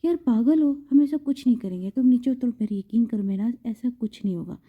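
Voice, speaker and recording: A woman reading out a volatile young gang boss in an audio novel, possessive and quick to snap into harsh threats. The voice sits fairly high and comes through a muffled, lo-fi recording. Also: expressive. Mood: pleading. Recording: slightly dull lo-fi recording.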